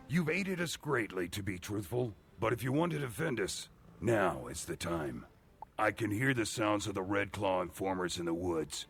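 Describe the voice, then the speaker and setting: Rough raspy village chief in a game, low and gravelly, dead serious. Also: male voice, a little hiss or hum. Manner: grave, earnest requests. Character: weary male village leader in hiding. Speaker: game character.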